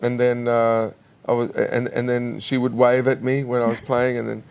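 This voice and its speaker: Gravelly-voiced man telling stories. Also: mid-range voice, level tone, a little mellow. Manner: chatty, halting with many restarts. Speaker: singer and actor guest. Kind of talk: casual interview chat. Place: television studio.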